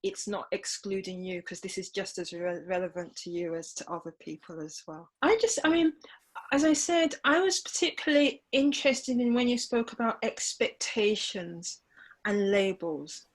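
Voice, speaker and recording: A woman's voice: medium pitch, normal speed. Woman hosting an online panel. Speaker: host. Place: home, online video call.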